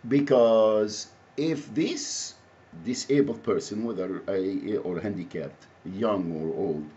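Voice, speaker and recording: An activist from Alexandria, Egypt, who calls himself an advocate, talks off the cuff to camera in Egyptian-accented Arabic. His voice is lowish and dark, and his impromptu monologue is halting, repetitive and rambling. The audio is muffled, with faint background noise.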